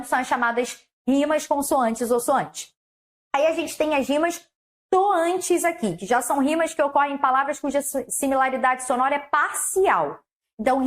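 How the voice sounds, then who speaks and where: High-voiced woman teaching. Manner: explains step by step, asks the viewer questions. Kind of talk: online lesson on verse. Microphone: clip-on mic on her collar.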